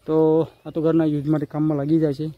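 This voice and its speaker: A young village vlogger with a Gujarati accent, from Gujarat, India, describes his rooftop surroundings as his handheld phone camera captures them, repeating his phrases frequently in this casual walk-and-talk vlog. His fairly high voice barely moves in pitch and goes at a quick pace; the sound is lo-fi, with birds calling behind him.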